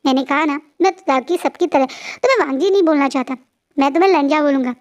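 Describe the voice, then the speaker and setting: Woman doing a teasing young man, cheeky, bantering, high-pitched, storybook retelling. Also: quick pace, dull audio, lightly acted. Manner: coaxing, bantering.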